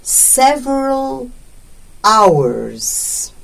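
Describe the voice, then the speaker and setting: A woman teacher reading a text aloud as a dictation in deliberate short phrases, speaking the punctuation. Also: high voice, very animated, vocal fry, fairly bright tone, distant mic, low-quality recording.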